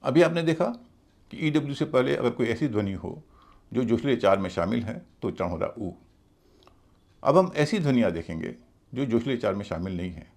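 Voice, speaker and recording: A man teaching English pronunciation in a video class. His voice is husky with a gravelly edge, and his pitch moves a lot. He spells out letters and repeats each word methodically. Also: animated, brisk, a little mellow. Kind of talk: explanatory video lesson.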